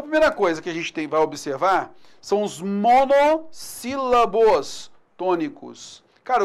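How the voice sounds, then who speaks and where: A teacher with a Brazilian accent giving a recorded exam-prep grammar lesson over screen slides, casual and upbeat, checking in with the students after nearly every point. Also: mid-range voice. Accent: Brazilian Portuguese.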